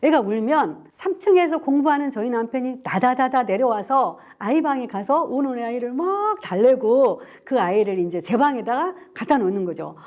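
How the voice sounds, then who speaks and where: A woman's voice: a little high, normal speed, hardly any pauses. Korean woman telling a story, voice swoops up and down a lot, talks right to the listener. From South Korea. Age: older. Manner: lively, animated storytelling with asides to the listener. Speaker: parenting lecturer. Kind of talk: storytelling talk to camera.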